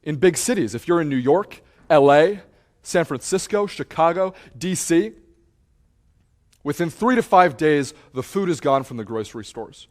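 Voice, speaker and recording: A man's voice: on the high side, lively intonation, moderate pace. Man giving a dramatic storytelling talk. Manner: repeats a refrain with rising, building intensity; acts out shouts and quotes.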